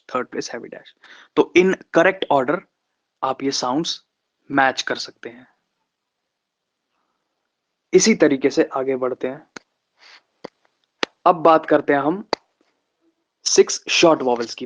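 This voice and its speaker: A man teaching an online lesson at an unhurried, deliberate pace, drawing out each vowel sound and repeating example words. His voice sits in a middle register. The recording is a little dull and lo-fi. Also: medium pitch. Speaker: shorthand teacher.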